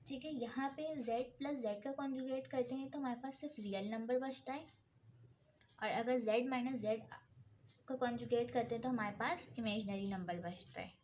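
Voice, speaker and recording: A woman's voice: a little high, normal speed, a little mellow. A woman math teacher giving a blackboard lecture, working each step aloud and asking herself questions as she goes. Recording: faint background noise.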